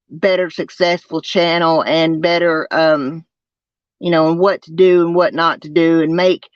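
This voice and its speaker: A person with a twangy Southern US accent, chatting casually to a livestream, haltingly and with repeated phrases. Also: mid-range voice, fairly bright tone, clean tone, dry recording. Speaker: livestream host. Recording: dull lo-fi sound.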